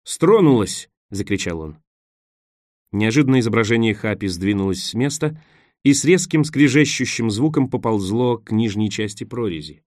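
A man narrating an adventure novel as an audiobook, steady and measured. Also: fairly low pitch, no echo, clean studio sound. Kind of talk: scripted narration.

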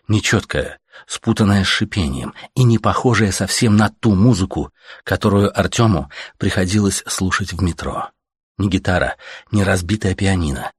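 A man's voice: deep voice, breathy edge, no echo, clean studio sound. A man narrating an audiobook in terse, clipped sentences.

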